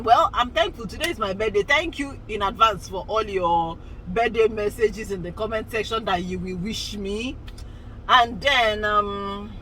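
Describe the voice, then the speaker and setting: A woman's voice: on the high side, pushed and bright, slight background noise, low-quality recording. A woman in her forties, chatting casually and rambling to her vlog viewers, often laughing. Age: 40s. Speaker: vlogger. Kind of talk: casual chat to camera.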